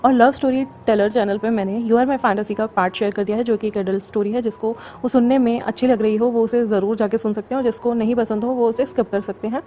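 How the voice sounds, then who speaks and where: A woman's voice: a little high, steady tone, a little fast, hardly any pauses, warm tone, slight background noise. A woman hosting her story channel, talking casually and frankly to viewers and scolding a pushy fan. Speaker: channel host and story narrator. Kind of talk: casual direct address to viewers.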